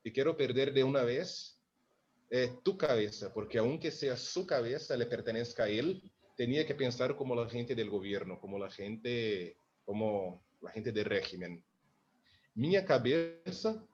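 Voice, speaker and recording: A man gives a lesson, walking through song lyrics line by line and often checking that his listeners follow. His voice sits at an ordinary pitch. The recording sounds dull and lo-fi, with a faint hiss behind it. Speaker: Spanish-language teacher analysing song lyrics. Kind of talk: explanatory lesson, reading lyrics aloud.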